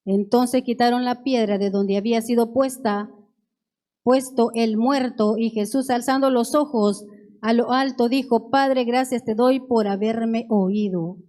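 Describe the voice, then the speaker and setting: A woman preacher reads scripture aloud in a church, verse after verse, pausing to explain each one earnestly. Her voice sits high and she takes her time, letting each phrase land slowly. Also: fairly even intonation, dark tone. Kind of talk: sermon with Bible reading.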